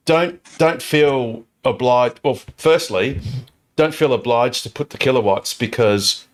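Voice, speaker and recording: A man hosting a casual club chat over a video call, rambling with lots of fillers and restarts. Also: medium pitch. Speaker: club host answering questions. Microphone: video call over satellite internet.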